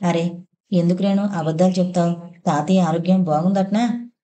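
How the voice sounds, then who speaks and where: A woman's voice: fairly low pitch, steady tone, moderate pace, warm tone, natural voice. An easygoing husband, as a woman narrator puts him on. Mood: curious. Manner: joking, questioning. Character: young husband, teasing and easygoing.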